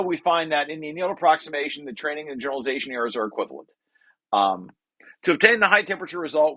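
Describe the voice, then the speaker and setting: A researcher presents his own technical paper, reading through it and explaining it informally as he thinks aloud and corrects himself. His voice is a little high and a bit bright, with no echo.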